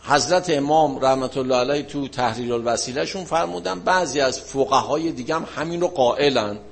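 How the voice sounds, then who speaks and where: A man's voice: mid-range voice, vocal fry, a little hiss or hum. Man teaching a casual religious lesson. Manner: explanatory, asks and answers his own questions.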